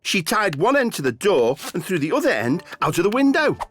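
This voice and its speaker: A woman narrating a children's cartoon in a scripted, expressive storytelling style. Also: lowish voice, a little fast, slight background noise.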